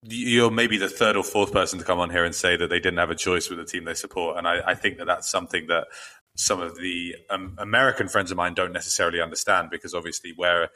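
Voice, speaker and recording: A man's voice: deep voice, steady tone, fast, bright, forceful tone. A man hosting a podcast, upbeat and conversational as he interviews his guest. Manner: upbeat, scripted intro then conversational. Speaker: podcast host.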